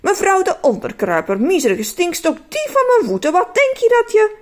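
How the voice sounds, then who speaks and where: A woman's voice: high voice, very animated, moderate pace, darkish tone, voice pushed up. A woman voicing a stern, fussy storybook man who hates colour and scolds himself. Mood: indignant.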